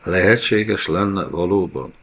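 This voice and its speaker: Male audiobook reader, very low voice, steady and measured. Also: breathy edge, highs cut off. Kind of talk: scripted audiobook narration.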